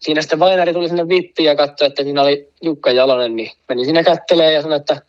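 Here a man with a fairly high, even-toned voice recounts a long, wandering story as a guest, full of filler words and side comments. He laughs at his own tale, and the sound quality is lo-fi.

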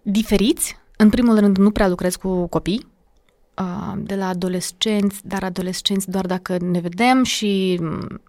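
Animated woman, diction coach. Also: medium pitch, no room sound. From Moldova. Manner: animated, acts out examples. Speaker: diction and public speaking coach. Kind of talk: podcast interview guest.

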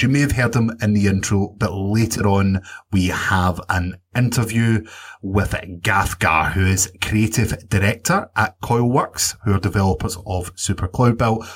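A man hosting a gaming podcast in a low, husky voice. He leads the chat at an easy pace, steady and friendly as he introduces each segment. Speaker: podcast host. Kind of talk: casual chat.

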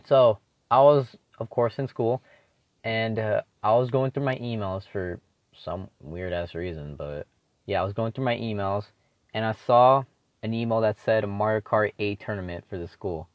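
On his own show, a teen solo podcaster rambles informally at a moderate pace, with a fairly low voice. He curses often and is full of fillers and restarts, and the audio is dull with no room sound.

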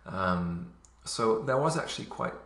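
Gravelly low-voiced man, relaxed storyteller. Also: measured pace. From England and Luxembourg. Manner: relaxed storytelling, many fillers, occasional laughs. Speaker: interview guest. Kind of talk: casual conversation. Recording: echoey room.

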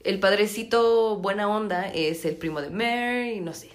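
A woman's voice: mid-range voice, a little slow. A young woman with a Mexican accent who has just woken up, chatting animatedly and using lots of slang on her podcast. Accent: Mexican Spanish. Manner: animated, slangy, gasps and exclaims. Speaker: podcast host. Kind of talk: casual chat, series review.

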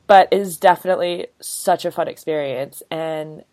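Speaking at a moderate pace in a low, mellow voice, this woman in her thirties co-hosts a podcast. She keeps things bubbly and chatty, with plenty of "you know" and "like" sprinkled throughout.

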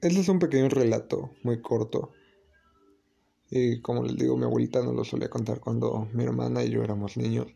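A man hosting a podcast, casually telling a paranormal story in a relaxed, hesitant way. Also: mid-range voice, fairly quick, creaky, husky. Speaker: podcast host.

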